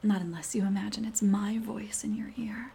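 A woman playing a seductive, teasing, dominant neighbor in an ASMR role-play, breathy and coaxing, speaking intimately right in the listener's ear. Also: mid-range voice, fairly even intonation, slight background noise, lightly acted. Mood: coaxing, commanding. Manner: intimate soft-spoken right in your ear; slow, coaxing, breathy delivery.

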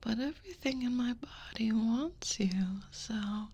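A woman voicing a hungry, possessive female dragon in a whispered audio roleplay, slow and predatory. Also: on the high side, darkish tone, breathy edge. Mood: lustful.

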